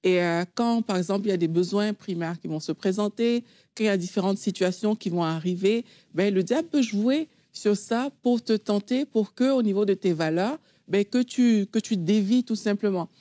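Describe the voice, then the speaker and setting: Mellow-voiced woman explaining faith. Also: mid-range voice, normal speed, no room sound. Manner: calm, explanatory, with fillers. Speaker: co-host.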